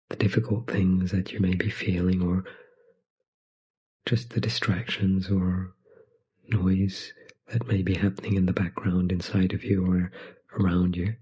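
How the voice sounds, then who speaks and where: In a lo-fi recording, a man with a deep voice leads a guided meditation. He speaks softly and breathily, offering brief, calming phrases with lengthy pauses in between.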